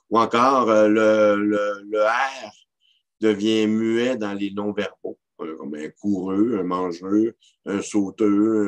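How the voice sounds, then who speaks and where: Slow, low-voiced Québécois man lecturing. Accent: Québécois French. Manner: hesitant, frequent "euh" and restarts. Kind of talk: informal lecture.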